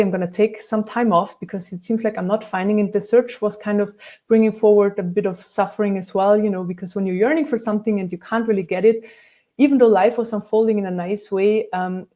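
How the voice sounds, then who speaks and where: A woman's voice: mid-range voice, warm tone. A woman from Austria, a spiritual teacher speaking as a guest in a thoughtful interview, often restarting her sentences. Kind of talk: reflective interview conversation.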